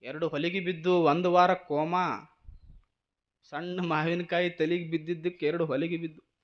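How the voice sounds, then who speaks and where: A man's voice: a little high, level tone, moderate pace, muffled recording. A man with a North Karnataka accent preaching a storytelling sermon and firing off teasing rhetorical questions. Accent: North Karnataka Kannada. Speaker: spiritual preacher.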